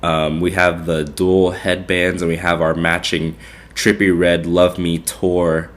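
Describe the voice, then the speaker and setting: Stuffed-up and laid-back, a young man co-hosting a casual podcast speaks slowly in a low voice with little pitch movement. He rambles through the chat, filling it with verbal fillers.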